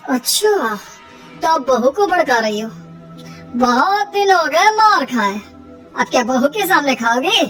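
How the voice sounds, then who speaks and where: A woman's voice: high voice, big pitch swings, a little slow, a bit bright, distant mic, exaggerated voice, rough recording. Cartoon father-in-law, played by a woman: older, domineering bully, threatening delivery, music bed. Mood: menacing. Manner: scolding, threatening.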